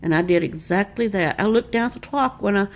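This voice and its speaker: Earnest older woman, gravelly. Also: mid-range voice, expressive, a little fast. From Arkansas, US. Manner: earnest, homespun storytelling with repeated refrains. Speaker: Bible teacher. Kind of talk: devotional sermon.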